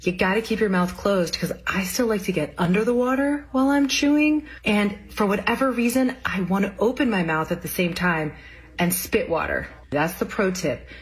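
A woman's voice: mid-range voice, animated, normal speed. A woman chatting casually while giving everyday tips, in a clip played on a radio show.

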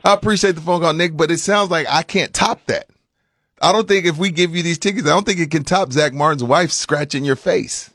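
A man's voice: a little high, a little fast, fairly bright tone, no echo, clean studio sound. A man hosting a morning sports talk radio show, casual and opinionated, who repeats points for emphasis and takes listener calls. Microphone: studio mic.

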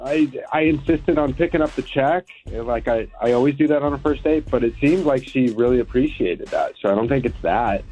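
A man calling in to a radio show over the phone, talking in a hesitant, halting way. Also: medium pitch, a little mellow, soft background music. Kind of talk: casual phone chat. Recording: dull phone-line sound.

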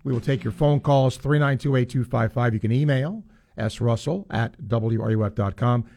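A man's voice: medium pitch, moderate pace, vocal fry, darkish tone. A man hosting sports talk radio, reading ad copy and introducing the show in a radio presenter's style. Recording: music bed behind the voice. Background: guitar music.

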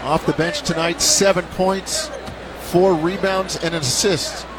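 High-voiced man calling basketball play-by-play. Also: fairly even intonation, measured pace. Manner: clipped short phrases. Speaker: play-by-play commentator. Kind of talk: live basketball commentary. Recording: courtside arena noise behind voice. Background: basketball arena crowd and bouncing balls.

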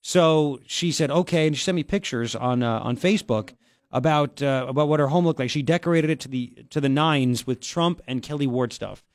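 Male talk radio host, slightly high voice, dry close-mic sound, quick conversational interjections. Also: no echo.

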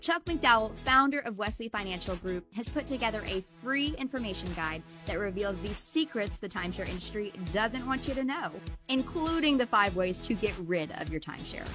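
A woman announcer reads an infomercial sales pitch at an ordinary pitch. Music plays clearly behind her voice. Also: lively intonation, fairly quick, few pauses. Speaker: commercial announcer.

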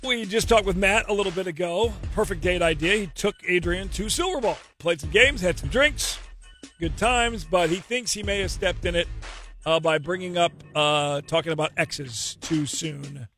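A man with a notably high voice co-hosts a radio show. He chats candidly and cracks jokes. Faint music plays underneath. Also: moderate pace, bright, forceful tone. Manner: joking, candid, chatty. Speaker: radio co-host.

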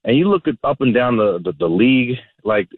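A man calling a sports radio show over a phone line, talking casually in a halting, repetitive, exasperated way. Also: medium pitch, lively intonation, no echo. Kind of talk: casual sports fan talk. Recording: narrow, tinny phone line.

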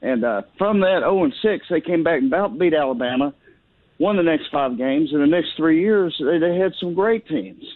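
A man speaking haltingly as a caller to a sports radio show over the phone. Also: on the high side, lively intonation, no echo, narrow, tinny audio. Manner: hesitant, halting delivery. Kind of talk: casual call-in fan talk.

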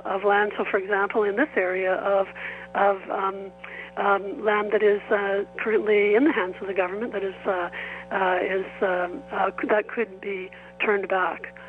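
Female interviewee, halting and thoughtful delivery, thin band-limited phone sound. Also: medium pitch, level tone, narrow, tinny audio, soft background music. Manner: halting, searching for words. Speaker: farm union committee member giving an interview. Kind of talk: unscripted interview answer.

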